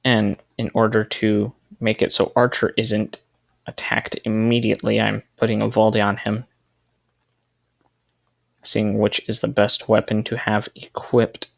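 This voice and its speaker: A man's voice: on the low side, completely flat delivery, measured pace, vocal fry. A man giving casual gameplay commentary, thinking aloud as he sets up a team and correcting himself as he goes. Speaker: gaming video creator.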